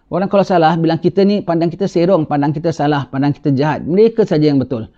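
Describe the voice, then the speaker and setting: Lively storytelling preacher, fairly high voice. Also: male voice, fast, dull audio. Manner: animated, tags lines with rhetorical "ha?". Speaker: religious teacher. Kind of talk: sermon storytelling.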